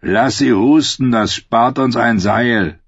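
A cruel, mocking soldier, as a male reader puts him on, sneering his threats in a husky voice. The recording is dry and a little dull. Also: mid-range voice, slow pace, no room sound, voice pushed up. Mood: menacing. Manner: sneering, menacing.

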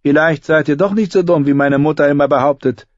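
A man's voice: a little high, fairly quick, darkish tone, no echo, highs cut off, voice pushed up, lightly acted. A man voicing a cruel, arrogant boy king who sneers and gives orders, in an audiobook reading. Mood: imperious. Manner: sneering, commanding.

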